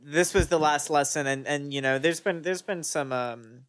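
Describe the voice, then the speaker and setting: A man guesting on a podcast, chatting casually in a relaxed, hesitant way with many fillers. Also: a little high, moderate pace. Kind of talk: casual chat.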